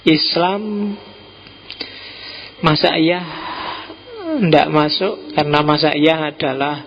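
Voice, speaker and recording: Male lecturer with a Javanese accent, slightly high, gravelly voice, casual teasing delivery, dull lo-fi recording with faint noise. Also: little pitch movement, extremely slow. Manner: chatty and teasing, mixing in Javanese words. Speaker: philosophy lecturer. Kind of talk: informal lecture to a study group.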